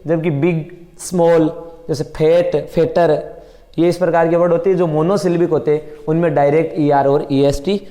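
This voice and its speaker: Mellow-voiced man teaching English grammar. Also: on the high side, fairly even intonation, moderate pace. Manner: explains step by step, asks and answers his own questions. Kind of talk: classroom grammar lesson.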